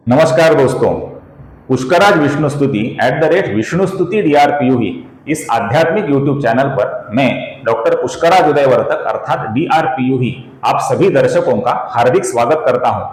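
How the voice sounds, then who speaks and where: A man hosting a spiritual channel, teaching correct Sanskrit pronunciation in Hindi and slowly chanting verses. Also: mid-range voice, animated, roomy sound, low-quality recording. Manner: slow deliberate chanting of verses, explaining sounds; addresses viewers as friends, earnest and instructive.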